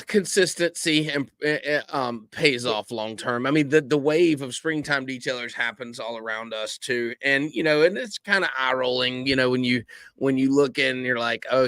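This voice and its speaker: A man co-hosting a live show, telling stories in a rambling, animated way full of fillers. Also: medium pitch, no echo, clean studio sound. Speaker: podcast co-host. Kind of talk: casual live-stream chat. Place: live-stream studio.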